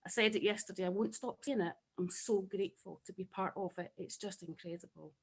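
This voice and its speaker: A woman's voice: mid-range voice, a little fast, husky, poor audio. Effusive Scottish woman on a video call. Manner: effusive, emotional, passionate. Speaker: webinar participant.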